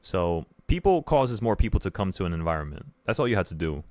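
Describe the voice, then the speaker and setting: Deep, a little mellow and sing-song, the voice of this twenty-something livestream host moves at a quick pace in a dry recording. He teaches options trading, speaking casually and earnestly to viewers with a rambling style and repeated phrases for emphasis.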